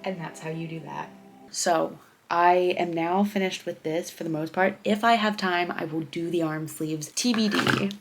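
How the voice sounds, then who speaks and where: A woman's voice: fairly low pitch, fairly even intonation, moderate pace, gravelly, slight background noise. A young woman in a casual, candid vlog voice-over. She is chatty and pokes fun at herself, and she has a runny nose. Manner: chatty, candid, self-deprecating. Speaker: vlogger.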